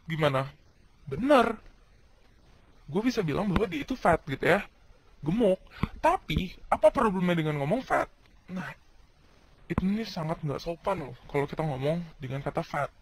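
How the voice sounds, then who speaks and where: High-voiced chatty male teacher. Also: a bit bright. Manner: chatty, slangy, asks and answers own questions. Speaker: English teacher. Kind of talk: casual video lesson.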